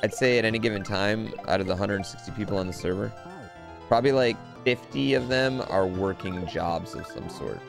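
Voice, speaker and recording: A gravelly, fairly low-pitched man around his thirties talks at normal speed while streaming a video game, keeping his commentary to chat casual, slangy, excitable, and full of swearing. He's indoors in his home streaming room on a close desk mic mounted on an arm, and video game music plays in the background.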